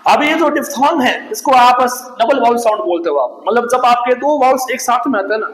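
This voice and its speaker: A man's voice: very high voice, animated, a little fast, fairly bright tone. A man teaching English grammar in Hindi, asking his class questions and answering them himself, repeating the key terms. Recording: echoey room.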